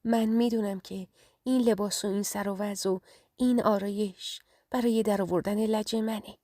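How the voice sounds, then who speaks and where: A woman's voice: medium pitch, steady tone, mellow, dry recording, lightly acted. A young man still in love with his former sweetheart, speaking in a tender and pleading way, as a woman narrator puts him on. His voice sits in an ordinary register and sounds dry and close in this audio story.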